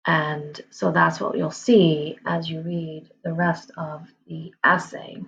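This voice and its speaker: A woman teacher talking through a reading lesson, thoughtful and emotional, with pauses between her words. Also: low voice, level tone, vocal fry, fairly bright tone, dull audio. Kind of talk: recorded lesson walkthrough.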